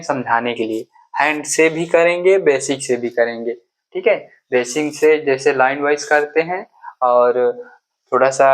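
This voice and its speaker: A man teaching basic math to young children. He talks patiently and keeps checking that the class is following. He counts aloud slowly, one number at a time. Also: medium pitch, low-quality recording. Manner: patient, repeats "ठीक है" and "देखिए" often.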